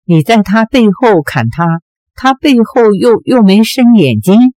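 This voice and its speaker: A woman voicing a proud, hot-tempered young swordswoman who speaks in sharp accusations, in a slow, dry read. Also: a little high, sing-song, dry recording. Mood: accusing.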